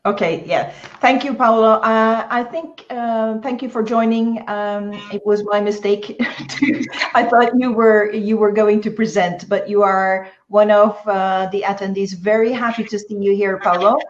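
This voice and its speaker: A woman moderating an online event, talking with many fillers and pauses over a video call. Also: medium pitch, steady tone, slight background noise. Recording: roomy, dull lo-fi online call.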